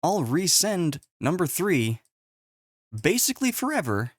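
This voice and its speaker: Fed-up man ranting through a tech explainer, lively pitch swings, dry close webcam sound. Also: a little slow, slightly rough, no room sound. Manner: profane, exasperated, animated. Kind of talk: casual whiteboard explainer. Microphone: webcam with face overlay.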